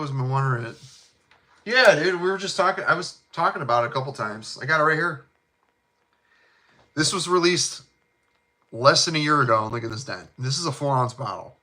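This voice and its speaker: Talking fragrances in a casual live chat, a middle-aged man with a thick Chicago South Side accent rambles in a friendly, laid-back manner, dropping fillers and laughing along the way. His mid-range voice sounds bright and forceful.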